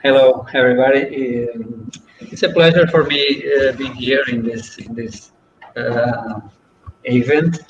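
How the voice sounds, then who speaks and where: A man from Portugal speaks slowly and haltingly in a flat voice, restarting his words again and again. He sounds far from the mic, in a roomy space. The sound is muffled, with faint noise behind him. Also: medium pitch. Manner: hesitant, many restarts. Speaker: restaurant owner. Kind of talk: online panel introduction.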